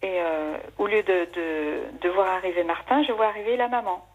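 Calling in to a live radio show by telephone, a woman tells a long personal story, restarting many times. She speaks at a moderate pace in a lowish voice over a dull phone line.

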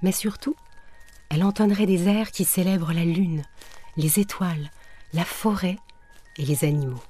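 A woman reading a children's tale aloud, gentle and soft-spoken, at times dropping to a whisper. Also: fairly low pitch, moderate pace, long pauses. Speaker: storyteller. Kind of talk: storybook reading. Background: faint music.

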